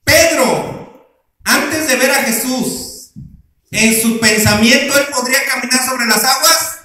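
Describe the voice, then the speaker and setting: A man's voice: very high-pitched, slow, bright, forceful tone. A male pastor preaching a sermon, putting questions to the congregation and answering them himself. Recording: very echoey room.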